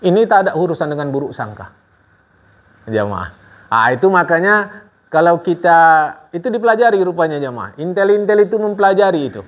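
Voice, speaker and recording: Animated male preacher on a tinny recording. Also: a little high, brisk. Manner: animated, rhetorical questions to the congregation. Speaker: religious teacher. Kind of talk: sermon.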